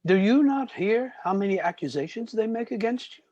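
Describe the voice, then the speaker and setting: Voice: medium pitch, animated, brisk, a little mellow, dry recording, muffled recording, natural voice. A reader voicing a stern official who questions a prisoner, in a church scripture drama. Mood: questioning. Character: stern interrogating official: high priest and governor.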